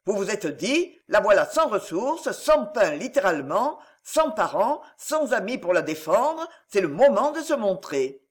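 A man voicing a composed, commanding nobleman who speaks in a cold, measured way. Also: high-pitched, very animated, exaggerated voice. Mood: stern.

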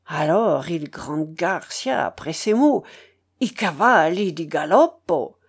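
A woman voicing a boastful old Italian ex-opera singer, pompous and theatrical, with a tremulous hoarse edge, in a read-aloud story. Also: low voice, expressive, takes it slowly, voice pushed down, full character voice. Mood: exalted. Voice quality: tremulous, hoarse when singing.

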